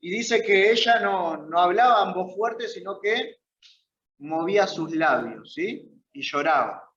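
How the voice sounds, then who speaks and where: High-voiced Argentine man teaching Bible class. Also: animated, unhurried, a bit bright, reverberant, muffled recording. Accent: Argentine Spanish. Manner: conversational, keeps checking in with the listeners. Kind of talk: church Bible study lesson. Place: church meeting room.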